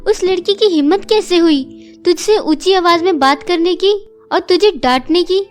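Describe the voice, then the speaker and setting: A harsh stepmother from a cartoon story, as a woman narrator puts her on. She scolds sharply in a high voice. Faint music plays behind her. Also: moderate pace. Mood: angry, scolding.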